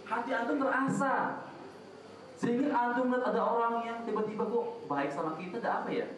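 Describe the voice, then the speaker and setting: A man's voice: very high-pitched, fast talker, noisy background. A man giving a casual religious talk in a prayer room, joking and asking his audience questions. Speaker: preacher. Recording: echoey room from a distant mic.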